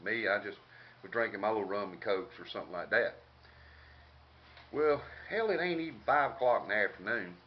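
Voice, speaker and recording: An older Southern US man spins a casual comic yarn, drawling in a folksy country style full of colorful slang. His voice is lowish and fairly quick. It's a dull lo-fi home recording with background noise.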